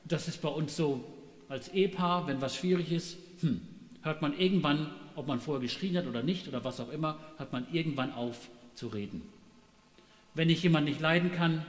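A middle-aged man preaching a sermon, animated, asking rhetorical questions and checking with his listeners. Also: on the high side. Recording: echoey hall, long reverb.

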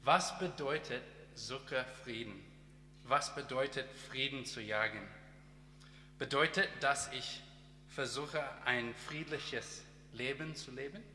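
A man from Australia whose first language is English, giving a short sermon in careful, halting German with many pauses and restarts. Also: mid-range voice, bright, forceful tone, reverberant, big-room sound, slight background noise. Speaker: guest speaker and teacher. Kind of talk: church testimony and short sermon.

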